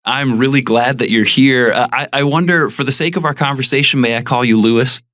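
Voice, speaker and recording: A man's voice: mid-range voice, brisk, fairly bright tone, no echo. A man from Indiana hosting a podcast interview, speaking in an upbeat, earnest and inquisitive way. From Indiana, USA. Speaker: podcast host.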